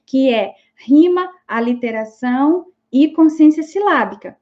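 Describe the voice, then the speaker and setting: Woman teaching, high voice, keeps asking "tá bom?", kinda dull lo-fi audio. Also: lively intonation, unhurried. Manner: explanatory, frequent checking tags like "tá bom?". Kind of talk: online class lecture.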